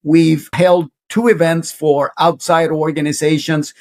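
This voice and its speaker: A man's voice: a little high, level tone, a little slow. A man, a guest in an interview, telling stories earnestly with many hesitations and fillers. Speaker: guest, university center director. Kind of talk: conversational interview storytelling.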